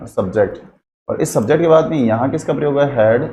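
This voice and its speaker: A man's voice: mid-range voice, fairly quick, mellow, a little hiss or hum. Man teaching grammar in a lecture. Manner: asks the class questions and answers them himself; mixes English terms into his Hindi. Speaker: English teacher.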